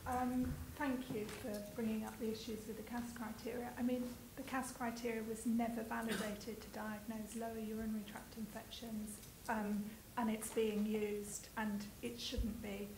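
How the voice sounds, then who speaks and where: A woman's voice: on the high side, level tone, moderate pace, few pauses, roomy sound, noisy background. A woman speaking as a patient advocate in a panel discussion, earnest and emotional when she talks about her daughter.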